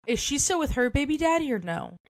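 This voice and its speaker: A woman's voice: high voice, very animated, fairly quick, slight background noise. A woman co-hosting a chat podcast in a playful, teasing way, often bursting into disbelief. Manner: playful, teasing, loudly incredulous. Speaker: podcast co-host. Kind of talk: casual chat.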